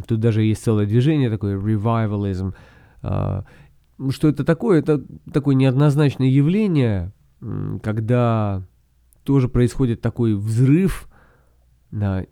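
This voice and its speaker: A man hosting a solo podcast, explaining things in a reflective, halting, conversational way. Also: mid-range voice, mellow, dry recording, clean studio sound. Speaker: podcast author and host.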